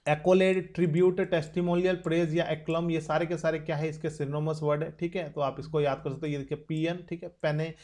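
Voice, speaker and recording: A young vocabulary teacher with an Indian accent gives an exam-prep lesson, explaining in Hindi and slowing right down to read each English example sentence carefully. His voice is slightly high and warm, though his delivery is flat.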